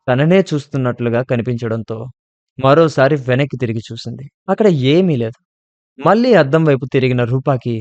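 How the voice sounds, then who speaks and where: A man narrating a scripted horror story in a steady, measured way. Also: medium pitch, no echo, dull audio.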